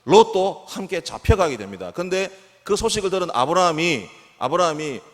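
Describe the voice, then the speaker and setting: A man's voice: sits high, big pitch swings, brisk. A middle-aged man, a pastor, preaching a sermon to his congregation and often asking them questions. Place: church sanctuary. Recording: reverberant church hall.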